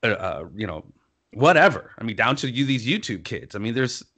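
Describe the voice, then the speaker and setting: A man hosting an interview, chatty and rambling, with quick asides. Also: medium pitch, big pitch swings, a bit bright. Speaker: interview host. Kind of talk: casual interview chat.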